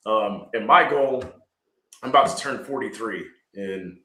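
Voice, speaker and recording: A Georgia man in his 40s who owns a landscaping company speaks as a guest on a casual podcast, his lowish voice bright and forceful at a measured pace in a reverberant space. He rambles earnestly and keeps checking in with "right?"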